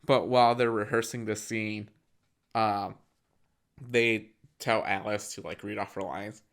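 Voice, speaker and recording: A man's voice: on the low side, fairly even intonation, measured pace, a bit bright. A young man co-hosting a movie podcast, easygoing as he recaps scenes with fillers. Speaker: podcast co-host. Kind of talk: casual movie review chat.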